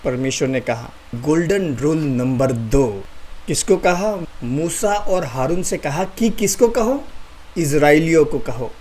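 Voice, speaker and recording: A man with a slightly higher voice gives an online Bible lesson. He keeps firing rhetorical questions and answering them himself, and hammers key phrases through repetition. When he reads scripture he slows right down to a deliberate pace. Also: expressive, a little mellow. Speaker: host and Bible teacher. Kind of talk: online Bible teaching talk.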